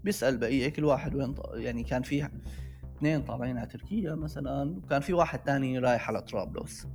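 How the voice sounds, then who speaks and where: A man's voice: mid-range voice, very fast, a little mellow, faint music behind. Syrian man storytelling in Levantine Arabic accent. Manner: conversational, re-enacts dialogue as he tells it. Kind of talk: casual personal storytelling.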